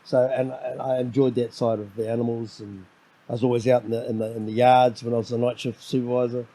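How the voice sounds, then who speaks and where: Recorded at low quality, a middle-aged man with a New Zealand accent speaks fast and flatly at medium pitch. He's a podcast guest in casual conversation whose loud, domineering voice wanders and doubles up words as he begins sentences.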